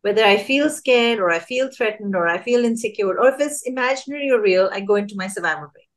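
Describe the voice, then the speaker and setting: Animated woman acting out scolding adults. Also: medium pitch, quick pace. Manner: animated, acts out adults' scolding lines in a raised voice. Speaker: guest, early childhood education speaker. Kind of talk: conversational podcast interview.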